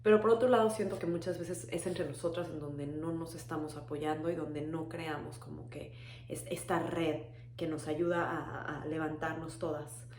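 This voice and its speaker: A woman's voice: deep voice, steady tone, normal speed, a little mellow, roomy sound, slight background noise. A young adult woman from Mexico with a Mexican accent, giving a reflective personal talk with hesitant restarts. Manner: thoughtful, frequent hesitant restarts. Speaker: webinar speaker.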